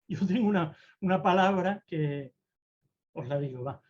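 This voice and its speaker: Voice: medium pitch, a little mellow, highs cut off. Theatrical speaker. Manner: theatrical, deliberately varies tone and pace. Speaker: presentation-skills mentor. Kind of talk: online talk on public speaking.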